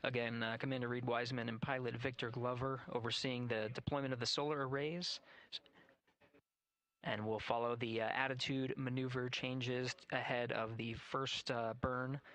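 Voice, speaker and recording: A man giving measured, factual live spaceflight commentary as a mission control announcer. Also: medium pitch, little pitch movement, fairly bright tone, no room sound, rough recording.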